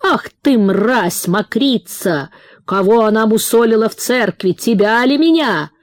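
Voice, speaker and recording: A woman's voice: animated, a little slow, no echo. A woman reading an audiobook voices a brutal, burly merchant father who jeers and mocks in a thin squeal. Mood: furious. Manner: mocking, jeering, falsetto taunts. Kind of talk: audiobook character voicing.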